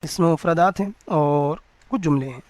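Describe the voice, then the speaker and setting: High-voiced man teaching slow lessons. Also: a little mellow, no echo. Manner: reads each word slowly, then explains it. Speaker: religious studies teacher. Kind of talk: lecture teaching vocabulary.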